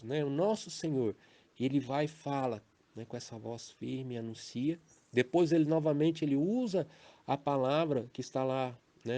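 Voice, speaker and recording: A Brazilian Portuguese man delivers a recorded lesson on preaching in a warm, mellow voice. He speaks in a measured, explanatory way. He often checks in with the listener with a quick questioning tag. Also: mid-range voice. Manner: measured, explanatory, with frequent "né" and "tá" tags. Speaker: preacher teaching a formation course. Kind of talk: recorded teaching audio. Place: home recording for a messaging app.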